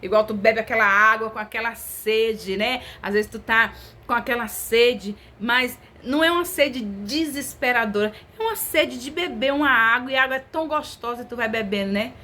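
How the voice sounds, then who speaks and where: A woman's voice: on the high side, moderate pace, bright, forceful tone. A woman preaching a sermon in a conversational, intimate way, stretching her phrases for emphasis.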